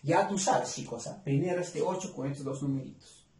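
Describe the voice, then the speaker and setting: A man teaching arithmetic to children, coaxing them with many quick questions. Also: a little high, a little mellow, far from the mic. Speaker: math teacher. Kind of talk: explaining a lesson to children. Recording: echoey room, voice away from mic.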